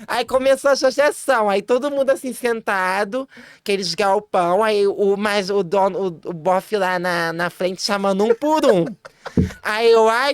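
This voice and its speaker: A woman guest on a podcast, telling a story in a lively, laughing way, full of quick restarts and high-pitched quoted voices. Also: no room sound, clean studio sound. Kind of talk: casual storytelling chat.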